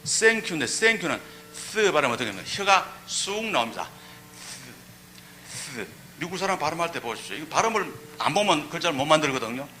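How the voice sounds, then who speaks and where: Animated man giving a lecture. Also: a little high, fairly quick, hardly any pauses, a little hiss or hum. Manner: rhetorical questions, demonstrates sounds. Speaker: public lecturer. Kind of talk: public lecture on Korean script.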